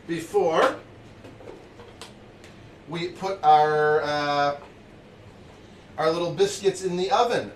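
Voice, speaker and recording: A man's voice: high voice, roomy sound, distant mic, slight background noise. A man hosting a live cooking stream in his basement kitchen, chatting casually and joking as he reads out viewers' messages. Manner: excitable and jokey, reads out chat messages.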